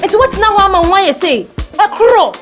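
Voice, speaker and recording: Cheerful advert mama, very high voice, swooping sing-song delivery, loud afrobeat music behind. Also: female voice, big pitch swings, moderate pace. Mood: lively. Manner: bouncy, exclaiming, sing-song. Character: cheerful motherly woman selling ointment. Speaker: advert character. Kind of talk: sung and spoken radio advert.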